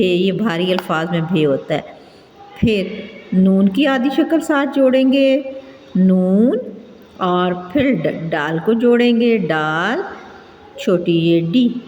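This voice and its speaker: A woman teaching children, slow and patient, spelling out letters one by one. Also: medium pitch, darkish tone, slight background noise. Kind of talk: children's lesson. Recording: echoey room.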